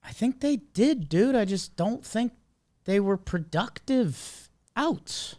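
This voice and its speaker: A man's voice: sits high, lively intonation, slow pace, mellow, no room sound. A man co-hosting a podcast, chatting in a laid-back, wry way about baseball. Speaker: podcast co-host. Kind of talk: casual sports chat.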